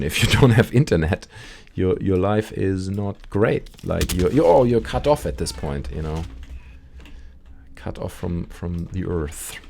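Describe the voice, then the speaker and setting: A deep-voiced man with a German accent rambles through a casual chat as host of a call-in show. He keeps breaking off mid-sentence to react to the game he is playing. Faint gunfire and noise sit behind him. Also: gravelly, darkish tone.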